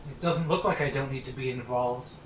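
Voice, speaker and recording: A man's voice: mid-range voice, a little fast, a little hiss or hum. A man playing a tabletop role-playing game, earnestly probing the guards. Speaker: player. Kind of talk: in-character tabletop play. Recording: roomy, off-mic.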